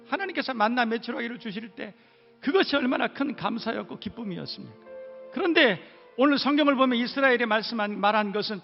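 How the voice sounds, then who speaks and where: High, gravelly-voiced male preacher. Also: big-room sound, lo-fi sound. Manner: emphatic preaching with repeated rhetorical questions. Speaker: pastor. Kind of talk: sermon. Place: church sanctuary.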